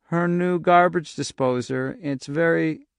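A man voicing a dazed male psychiatrist who speaks in a dreamy, distant, slow voice that trails off, as in an audiobook. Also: a little high, gravelly, clear, resonant tone, dry recording, clean studio sound, pitched above the performer's own voice. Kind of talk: audiobook narration.

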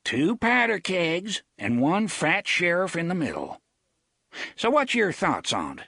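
A man voicing a fat, hungover small-town sheriff who talks in a folksy rustic dialect and scolds loudly. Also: high voice, huge pitch swings, slow pace, vocal fry, breathy edge, no room sound, clean studio sound, pitched above the performer's own voice, exaggerated voice. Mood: scolding.

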